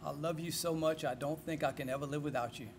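A man with a Cajun accent playing a doting husband who speaks softly and quietly. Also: on the high side, fairly even intonation, fast, slight background noise, voice pushed down, lightly acted. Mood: tender.

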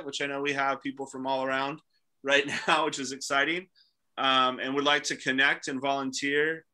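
Man, 30s, host on a video call; very bright tone, lots of ums. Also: mid-range voice, low-quality recording. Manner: halting, many fillers. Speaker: ministry staff host. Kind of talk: casual video call talk. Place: small room indoors.

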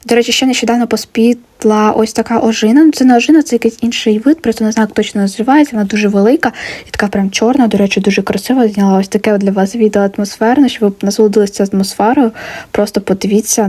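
A woman's voice: mid-range voice, warm tone. A young woman vlogging casually about her art and her day, chatty and eager to show viewers her work. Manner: chatty, enthusiastic, shows things to viewers. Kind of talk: casual vlog narration. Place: rural home.

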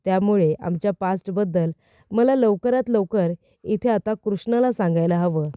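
A woman's voice: mid-range voice, normal speed, dark tone, clean tone, no room sound, studio quality, close to an everyday voice. Stern, scolding young man, voiced by a woman. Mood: resolute. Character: stern, exasperated young husband.

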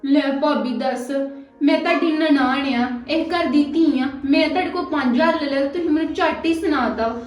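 A high-pitched young married woman with a Punjabi accent, complaining and quick to take offence, played by an actress. She argues over money with her brother's wife. The very echoey room and the distant mic make her sound far off. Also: close to an everyday voice. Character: young married woman, sister-in-law demanding money, sharp-tongued. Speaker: actor in a family drama.

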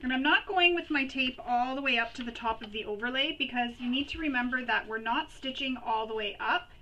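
A woman hosting a sewing tutorial, giving practical step-by-step instructions and pausing while she works. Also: fairly high pitch, sharp tone, far from the mic, highs cut off, a little hiss or hum. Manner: chatty and practical, pauses while working.

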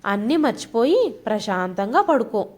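A woman's voice: a little high, very animated, moderate pace, darkish tone. A woman voicing a short-tempered, irritable young husband in a storybook reading, scolding and then consoling his wife.

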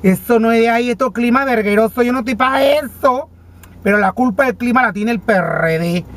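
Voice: mid-range voice, fairly quick, natural voice. A comic performer with a Panamanian accent playing a vain, dramatic female TV personality who complains flamboyantly and stammers, speaking from inside a parked car. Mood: indignant. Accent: Panamanian Spanish. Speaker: comedy character vlogger. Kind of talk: comedic character monologue.

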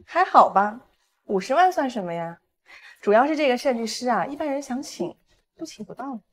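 An actress playing a smug, boastful young bride in a drama. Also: female voice, a little high, lively intonation, normal speed.

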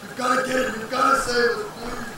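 A man's voice: very high voice, little pitch movement, fairly quick. An actor playing a panicked trapped man who begs for rescue in breathless, frantic pleas. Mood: desperate. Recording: echoey game audio from far off, noisy.

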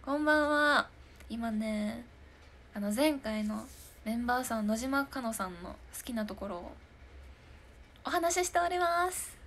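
A woman's voice: fairly high pitch, lively intonation, unhurried, pauses often, fairly bright tone, a little hiss or hum. A young woman in her twenties hosting a stream, chatting casually and giggling as she answers viewer comments. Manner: giggly and chatty, often laughing. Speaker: idol hosting a live stream talk show.

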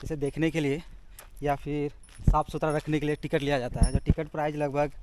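A man's voice: fairly high pitch, little pitch movement, fairly quick, background noise. A young man narrating a casual travel vlog outdoors in a forest, filming himself at arm's length and chatting about the sights. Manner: chatty, touristy, praising the sights. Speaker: travel vlogger. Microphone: phone or camera held at arm's length.

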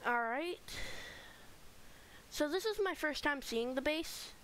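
High-voiced woman narrating a game. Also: animated, slow, fairly bright tone, slight background noise, poor audio. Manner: chatty, rambling tour-guide narration with fillers. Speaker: gaming channel host. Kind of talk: casual Minecraft let's play commentary.

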